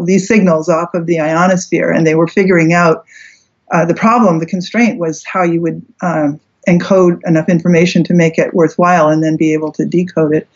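A Canadian woman, a philosophy professor, talking casually in an interview and wandering through asides and restarts. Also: on the low side. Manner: rambling, many restarts and asides. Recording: dull lo-fi audio.

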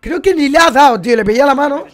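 A hoarse young man from Spain with a Spanish accent, casually commenting on gameplay clips and repeating his reactions. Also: extremely high pitch, quick pace, a bit bright. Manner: repeats phrases, exclaims at plays. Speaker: gaming YouTuber commenting on clips.

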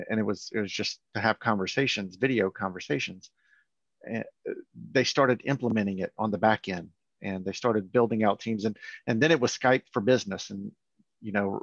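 A man co-hosting a casual webinar over a video call, halting and repeating words as he explains. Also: lowish voice, dry recording. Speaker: company founder and co-host. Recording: muffled video call audio.

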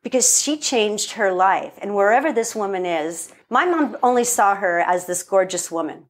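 A woman's voice: mid-range voice, normal speed. A middle-aged woman telling a family story in a casual interview, acting out the voices of the people in it. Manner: animated storyteller, acts out quoted voices. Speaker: podcast guest, filmmaker.

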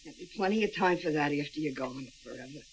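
A woman's voice: sits low, animated, quick pace, a little hiss or hum, rough recording. An actress playing an older woman, the fussy and doting mother of a witness, in a 1980s TV drama. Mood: fond. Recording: TV soundtrack with faint music.

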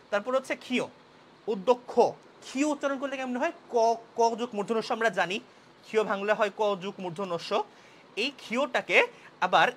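Brisk young male tutor, fast-talking. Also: sits high, fairly bright tone, a little hiss or hum. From Bangladesh. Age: young adult. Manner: brisk, mixes English words into Bengali. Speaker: university admission tutor. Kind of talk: live online class.

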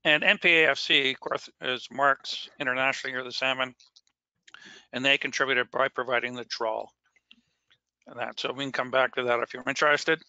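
Guy presenting slides on a video call, keeps clearing his throat, voice going, very bright sharp tone, dull lo-fi sound. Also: mid-range voice, no room sound. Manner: halting, frequent restarts and throat clearing. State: losing his voice. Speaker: fisheries scientist presenting at a press conference. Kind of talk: presenting slides at a virtual press conference.

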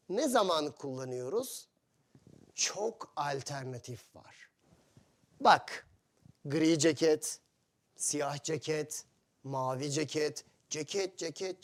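A man teaching to foreigners in short, deliberate phrases, repeating simple examples. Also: on the high side. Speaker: Turkish teacher.

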